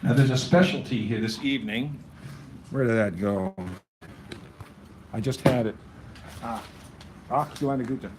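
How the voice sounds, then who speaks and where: A man's voice: mid-range voice, measured pace, long pauses, recorded from a distance, noisy background. A man hosting a poetry open mic in a cafe, rambling through announcements with wry asides. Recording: echoey cafe room recorded from afar.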